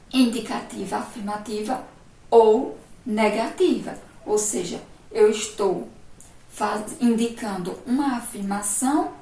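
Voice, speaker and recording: A woman with a Brazilian Portuguese accent teaching a remote primary-school lesson, explaining slowly and patiently and asking the class rhetorical questions. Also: mid-range voice, mellow, reverberant, distant mic, low-quality recording.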